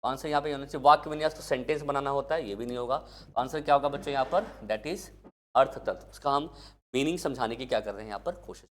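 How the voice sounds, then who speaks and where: A man's voice: mid-range voice, fast, fairly bright tone. A male teacher giving an exam-prep lecture, asking questions and answering them himself. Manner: asks questions and answers them himself, addresses students as kids.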